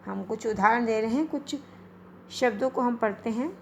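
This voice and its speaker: A woman teacher giving a grammar lesson, repeating points slowly and asking questions she then answers herself. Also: a little high, a little hiss or hum. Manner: slow, repetitive questioning, answers her own questions.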